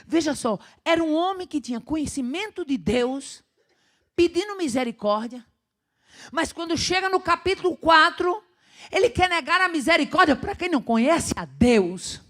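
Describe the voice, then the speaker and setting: A woman preacher, delivering a fervent sermon and often breaking in with a praise exclamation. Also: medium pitch. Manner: fervent, rises to loud exclamations, punctuates with "Aleluia".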